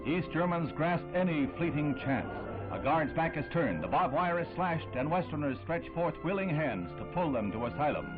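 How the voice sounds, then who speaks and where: A man's voice: fairly high pitch, lively intonation, normal speed, hardly any pauses. Man narrating an old newsreel. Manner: solemn, emphatic delivery. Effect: old newsreel sound. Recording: tinny old newsreel audio with music.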